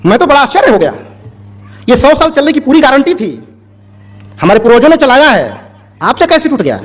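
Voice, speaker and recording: A man's voice: very high voice, sing-song, brisk, heavily acted. A man voicing a crafty, cheeky male fan peddler who keeps repeating his sales claims in a storytelling talk.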